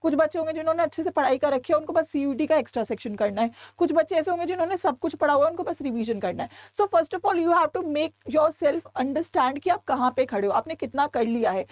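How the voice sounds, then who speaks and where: A woman's voice: sits high, no room sound. A young woman with an Indian accent, teaching students in a chatty, coaxing way and mixing English into her talk. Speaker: online exam-prep teacher. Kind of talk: lecture to students.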